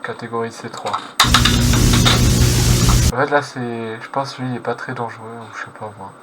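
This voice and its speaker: This reaction video host talks over loud music in a medium-pitched, steady voice at normal speed. He offers casual, slangy live commentary and translates on the fly, pausing and fixing his words along the way. There's clearly a noisy background.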